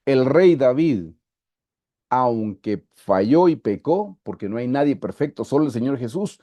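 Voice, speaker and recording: A man's voice: medium pitch, big pitch swings, measured pace, mellow, no room sound, studio quality. A man with a Guatemalan Spanish accent, preaching a Bible study over a video call and stretching out scripture quotes with emphasis. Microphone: video call mic.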